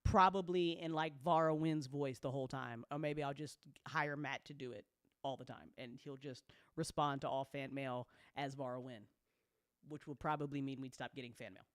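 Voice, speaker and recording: In clean, echo-free studio sound, a host who makes audio dramas chats effusively through a livestream update, responding to fan comments with casual swearing and easy giggles. Their medium-pitched voice stays steady at a moderate pace.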